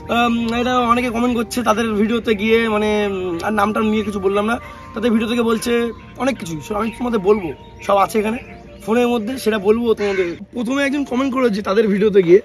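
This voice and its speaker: A young man from West Bengal talks fast to his camera and answers the comments people have left about him. His voice sits very high for a man, and he keeps firing rhetorical questions back at his critics. A faint music bed runs under his talk. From West Bengal, India. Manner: defensive, rhetorical questions, calls viewers bhai. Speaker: vlogger.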